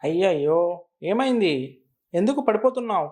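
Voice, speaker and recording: A man's voice: sits high, lively intonation, normal speed, darkish tone. A man voicing a kindly adult jeep driver who patiently gives in to a squirrel's requests in a cartoon. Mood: calm. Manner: patient, reassuring. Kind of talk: cartoon voice acting.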